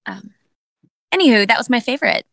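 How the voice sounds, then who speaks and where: A woman with a bright, forceful voice answers fan questions in a casual panel chat. She hesitates and hunts for her words, filling gaps with soft ums. The sound is dry and close. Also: on the high side, huge pitch swings, brisk, dry recording. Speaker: voice actress on a convention panel.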